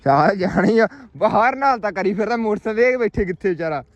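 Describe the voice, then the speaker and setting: A man's voice: high-pitched, expressive, quick pace, no echo, highs cut off. A man with a Punjabi accent chatting casually outdoors, urging his friend on and joining the bird calls. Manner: urges and teases, joins the bird calls. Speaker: companion on the outing. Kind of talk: casual chat. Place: outdoors in fields, on a motorcycle.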